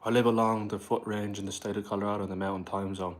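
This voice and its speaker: A man's voice: fairly low pitch, level tone, quick pace. A man with a Dublin Irish accent hosting a casual livestream, reading viewer questions aloud and answering them with lots of "like" and "bro". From Ireland. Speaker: livestream host.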